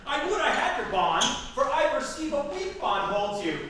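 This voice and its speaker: Man acting a very high-voiced, combative Demetrius. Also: sing-song, moderate pace. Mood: defiant. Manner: theatrical, challenging stage delivery. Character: combative, jealous young Athenian rival suitor. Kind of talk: staged reading of Shakespearean comedy. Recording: echoey room from far off, faint noise.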